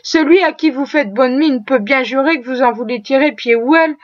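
A woman's voice: sits high, brisk, dry recording, highs cut off, close to an everyday voice. Woman reading as a surly brute. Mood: gruff. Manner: growling, curt. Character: brutish hulking man, surly and gruff.

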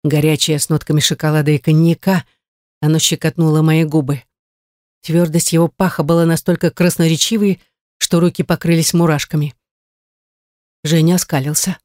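A woman's voice: low-pitched, level tone, normal speed, a little mellow, no echo, studio quality. Woman narrating a novel in the first person. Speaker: audiobook narrator.

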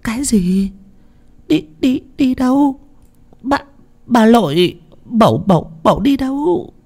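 Man putting on a shrill panicked village woman. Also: big pitch swings, slow pace, darkish tone, full character voice. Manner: panicked, stammering, high and shrill. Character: frightened village woman and crying daughter.

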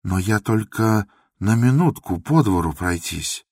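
An actor plays a timid aging male doctor, trembling and pleading in a husky, lowish voice. It is a radio drama recorded close and dry. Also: lively intonation, a little slow, a little mellow, no echo, heavily acted. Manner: pleading, shaky.

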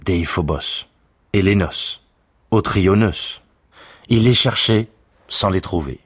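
A man reading a literary narration in a measured, solemn way. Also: sits low, a bit bright, slightly rough.

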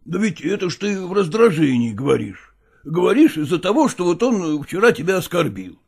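A man playing a pragmatic older merchant father who coaxes his daughter in a dramatized reading, with a husky, gravelly voice and folksy persuasion. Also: high voice, big pitch swings, normal speed, full character voice. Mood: coaxing.

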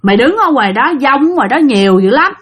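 Stern old male ghost-uncle, Southern Vietnamese accent, played by the woman narrator; scolding, slightly higher voice. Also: very animated, quick pace, breathy edge, exaggerated voice. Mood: stern warning. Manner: scolding, warning.

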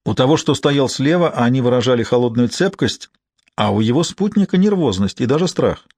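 Male audiobook narrator, measured delivery, middle pitch, dry booth sound. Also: expressive, darkish tone, breathy edge, no echo. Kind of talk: scripted narration.

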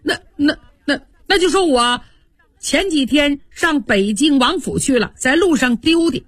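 A woman voicing a pampered young nobleman who complains briskly. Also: high voice, lively intonation, fairly bright tone, no echo, pitched above the performer's own voice. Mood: fretful.

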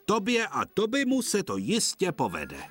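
A man's voice: high voice, wildly swooping pitch, a bit bright, faint music behind, pitched above the performer's own voice, heavily acted. A man voicing a stout, stern male railway boss with firm, fatherly speech in a children's TV cartoon.

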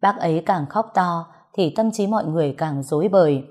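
A woman's voice: lowish voice, a little fast, a little mellow. A woman reading a story aloud as scripted narration, voicing all the dialogue in her own voice.

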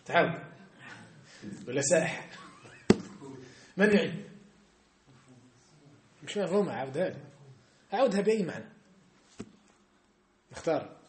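A man's voice: a little high, moderate pace, long pauses, a little hiss or hum. A man teaching a religious text class, explaining verses and often asking his students whether they have understood. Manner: lively, quizzes students often. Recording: echoey classroom.

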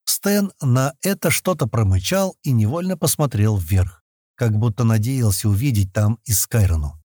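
A male narrator reads a story in a husky, mellow voice that moves lively up and down. The sound is dry and close, taken on a studio mic with no room around it. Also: mid-range voice, moderate pace, no echo. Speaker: audiobook narrator. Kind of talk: scripted narration.

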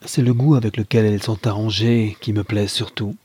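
An impassioned young mother, torn between love and duty, begs in breathless, pleading phrases, as a male reader raises his voice to play her. The voice stays husky and close, in a dry, unechoing audiobook reading. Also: lowish voice, fairly even intonation, a little fast, mellow, no echo. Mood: tender.

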